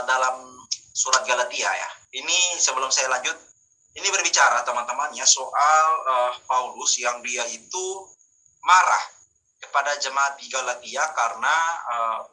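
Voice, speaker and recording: A man preaches to a group over a video call, firing rhetorical questions at them and pausing for amens. His voice is sharp and bright, and it sounds picked up from a distance by the call's mic. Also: a little high. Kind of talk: online Bible teaching.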